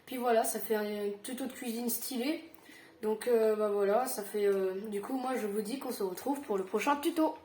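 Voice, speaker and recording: Chatty woman with a high voice. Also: a little mellow, reverberant, a little hiss or hum. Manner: chatty, halting, many fillers and self-corrections. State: tired. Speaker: Minecraft tutorial youtuber. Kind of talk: casual gaming tutorial.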